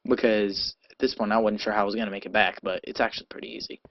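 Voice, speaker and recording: A man's voice: fairly low pitch, flat delivery, rapid-fire. A man casually narrating his own gameplay, rambling and chatty, with restarts and sleepy yawns, on a cheap amateur mic. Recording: dull lo-fi home recording.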